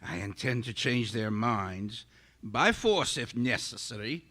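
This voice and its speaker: A man with a medium-pitched, slightly slow voice plays a megalomaniac invisible scientist in a radio drama. He's fervent and condescending, grandiose and theatrical, stammering when excited.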